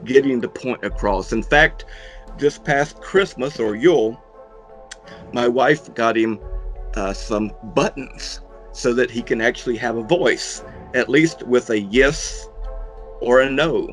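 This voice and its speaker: A man's voice: mid-range voice, takes it slowly. Folksy middle-aged man chatting over music. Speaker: horror host and monster museum owner being interviewed. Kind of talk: casual interview chat.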